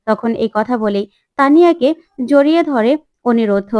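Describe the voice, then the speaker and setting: A woman's voice: fairly high pitch, animated, moderate pace, darkish tone, clean tone, dry recording, studio quality. A woman retelling a TV serial episode as a story, reading every character's lines herself. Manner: reads all characters' lines herself, voices slightly shifted. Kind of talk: storytelling recap with acted dialogue.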